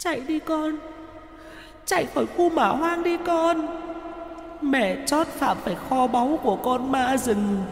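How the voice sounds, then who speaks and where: The ghost of an old mother pleads through sobs, slow and drawn out, as a woman acts her. Her high voice rings in a long, echoey hall reverb with faint music behind. It is a spoken horror tale. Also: very animated, a little hiss or hum, full character voice. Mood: sobbing plea. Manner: sobbing, pleading.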